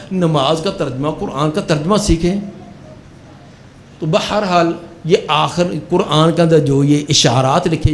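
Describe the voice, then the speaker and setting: An older man preaching a sermon in a fairly high voice, telling a story and acting out its quoted dialogue. A faint hiss of background noise sits under the recording. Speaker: Islamic preacher.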